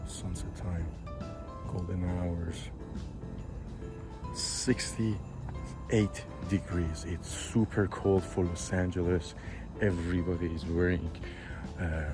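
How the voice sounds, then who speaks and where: A man with a hoarse, raspy, whispery voice that is nearly gone, giving a casual, halting film review. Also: low-pitched.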